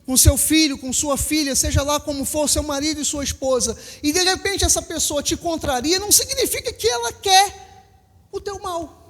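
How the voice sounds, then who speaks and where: A man with a Brazilian Portuguese accent, a pastor preaching a sermon and telling lively stories to his congregation. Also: extremely high pitch, moderate pace. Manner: storytelling, animated, acts out quotes, laughs with congregation. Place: church hall. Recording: long hall reverb.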